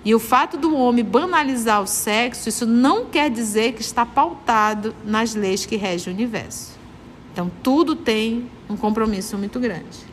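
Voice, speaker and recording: A woman's voice: on the high side, moderate pace, in a large hall, a little hiss or hum. A woman with a Brazilian accent from Manaus leading a spiritist study group, earnest and moralizing, repeating her points for emphasis. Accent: Brazilian Portuguese, Manaus.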